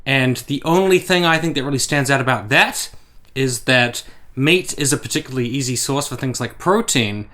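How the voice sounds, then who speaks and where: A man's voice: mid-range voice, a bit bright. A man giving blunt, sarcastic, profane opinion commentary for a vlog. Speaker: commentary YouTuber.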